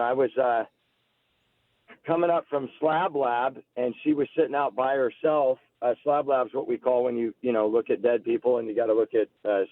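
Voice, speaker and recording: The speaker is a male political candidate, Alabama-born and Seattle-area-raised, in his forties, appearing as a guest and casually recounting personal stories. His mid-range voice comes through a dry, narrow-band, muffled radio call-in connection with no room sound.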